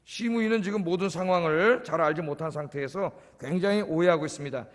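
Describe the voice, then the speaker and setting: Male pastor with a high voice, preaching casually to the congregation. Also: fast talker. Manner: conversational preaching, often prompting the congregation with "예?". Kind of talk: sermon. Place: church service. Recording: echoey church hall.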